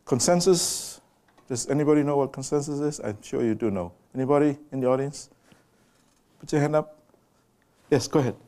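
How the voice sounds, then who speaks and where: A guest lecturer from Samoa with a mid-range, dark-toned voice gives a public presentation in a lecture room before a live audience. He speaks unhurriedly and puts questions directly to his listeners.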